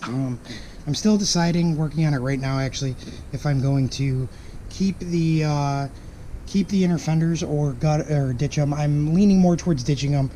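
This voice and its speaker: This vlogger's voice is hoarse and fading, yet it sounds warm, a little high, and moves at a moderate pace. He chats to camera about his car project in a meandering, apologetic way, recorded on a noisy camera-mounted microphone.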